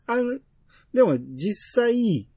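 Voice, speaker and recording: Husky Kansai man chatting. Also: extremely high pitch, drawn-out words. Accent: Kansai Japanese. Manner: relaxed, musing, reads listener mail. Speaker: podcast host. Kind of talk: casual chat.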